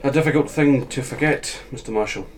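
An actor playing a stern, skeptical lighthouse keeper who talks brusquely and also narrates. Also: male voice, mid-range voice, a little fast, a little hiss or hum, natural voice, rough recording. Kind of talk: period narration in audio drama.

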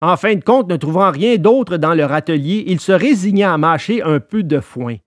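A man narrating a storybook in an expressive, lively way. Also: high voice, normal speed, no echo, clean studio sound.

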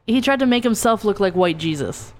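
A woman's voice: mid-range voice, lively intonation, fairly quick. A woman co-hosting a podcast, reacting with short quips and murmured agreement. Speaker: podcast co-host listening. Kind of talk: casual chat.

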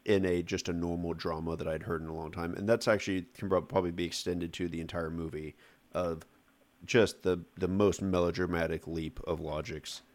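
A man with a very low voice hosts a casual film podcast. He jokes lightly and moves the talk along from topic to topic. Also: fairly even intonation, a little fast, a little mellow. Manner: joking, leads the discussion. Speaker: podcast host. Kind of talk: casual film review chat.

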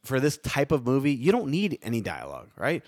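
A man's voice: medium pitch, wildly swooping pitch, a little fast, dry recording, studio quality, soft background music. A young man co-hosting a casual podcast chat. He is laid-back and talks loosely, with easy laughs and lots of fillers. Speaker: podcast co-host.

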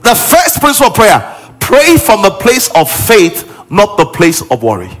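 A man's voice: sits high, wildly swooping pitch, moderate pace, a bit bright, soft background music. A male pastor preaching a sermon with emphasis, repeating key lines and acting out what people say.

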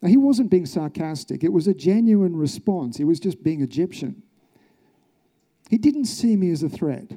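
A man's voice: high-pitched, sing-song, moderate pace, mellow. An Australian journalist, a man, telling his own story in an earnest, reflective way, with rhetorical questions. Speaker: journalist, speaker. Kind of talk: recounted personal story, public talk.

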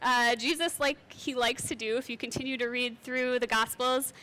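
A young woman leads a casual Bible lesson in a talkative, friendly-explainer way, full of asides. Her voice sits high and sounds bright and forward. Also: fairly even intonation, moderate pace. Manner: chatty and conversational, with laughs and asides. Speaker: youth Bible teacher.

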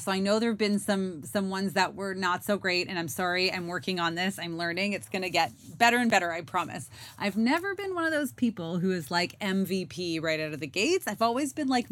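A woman's voice: mid-range voice, a bit bright. A woman in her forties hosting a podcast, chatting casually with lots of fillers while recording inside a closet. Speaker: podcast host. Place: inside a small clothes closet.

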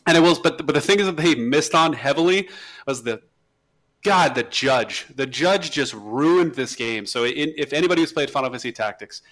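Animated man ranting about games. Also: fairly high pitch, moderate pace. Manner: animated, restarts words, ranting. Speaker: podcast co-host. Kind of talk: casual chat about video games.

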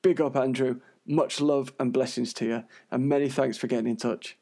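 Wheezy British man with a creaky voice. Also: medium pitch, steady tone, normal speed, mellow. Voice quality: wheezy, audibly breathy from illness. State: unwell, wheezy breathing. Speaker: podcast host. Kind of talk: chatty scripted podcast monologue.

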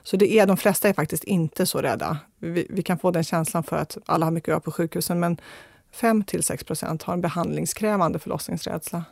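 A woman speaking as a guest expert, giving measured advice with frequent hesitations. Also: on the low side, vocal fry, darkish tone, no echo, clean studio sound. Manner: measured, advisory, with many fillers and restarts. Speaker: guest expert on fear of childbirth. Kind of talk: conversational radio interview.

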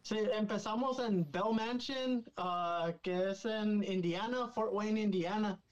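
A man's voice: high-pitched, slow pace, muffled recording. A man, a guest telling stories casually in a mix of Spanish and English. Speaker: guest paranormal investigator. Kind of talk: casual bilingual storytelling.

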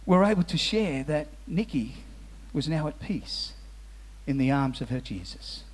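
Male pastor, high voice, earnest sermon delivery with restarts, slow soft solemn lines. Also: expressive. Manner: earnest, repeats words as he restarts phrases; drops to slow, soft tones on solemn phrases. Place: church hall with musicians present.

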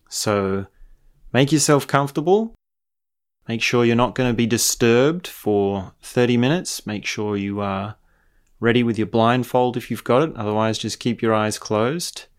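A man speaking as a meditation teacher, giving calm, deliberate guided instruction. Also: fairly low pitch. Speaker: meditation teacher introducing own course. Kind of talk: guided meditation and spoken introduction.

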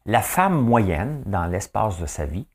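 A man's voice: lowish voice, big pitch swings, slow pace. A male host with a Quebec French accent, running a chatty trivia monologue that keeps tossing in "hein?" and slipping into English phrases.

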